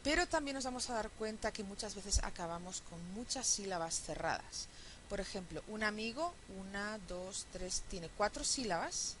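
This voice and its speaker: A woman teaching a phonetics lesson, explaining step by step and often checking understanding with a quick question. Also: medium pitch, lively intonation, fairly bright tone, a little hiss or hum, rough recording. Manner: counts syllables aloud slowly. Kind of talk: recorded classroom lecture.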